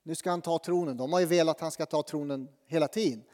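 Higher-voiced man preaching in a reverberant church. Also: darkish tone. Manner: earnest, conversational preaching with fillers and restarts. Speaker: pastor. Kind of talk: sermon with prayer.

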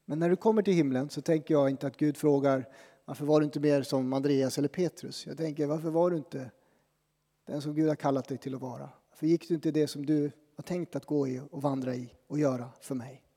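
Pastor in a dark-toned echoing hall. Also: male voice, on the high side, fairly even intonation. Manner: conversational, self-deprecating preaching with dramatic pauses. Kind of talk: sermon. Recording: long reverb from a church hall.

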